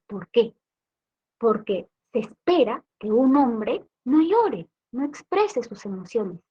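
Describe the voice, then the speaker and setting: Capacitadora peruana de voz aguda, explica con pausas y preguntas retóricas; sonido apagado, de baja fidelidad. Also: female voice, fairly high pitch, slightly rough, dull audio. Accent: Peruvian Spanish. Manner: explanatory, frequent rhetorical "¿no?" tags. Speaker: trainer. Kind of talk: training lecture.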